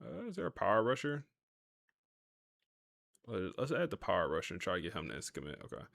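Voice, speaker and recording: A man's voice: low voice, huge pitch swings, fast talker, gravelly, a bit bright, dry recording, clean studio sound. A man hosting a gaming livestream, chatting casually to his viewers in a laid-back, talkative way while he plays. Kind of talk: casual live-stream commentary.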